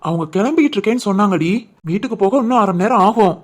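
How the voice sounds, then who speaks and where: A woman with a Kanyakumari-Tirunelveli Tamil accent voicing a patient, easygoing young husband in an animated story, explaining things casually. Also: mid-range voice, fast talker, close to an everyday voice.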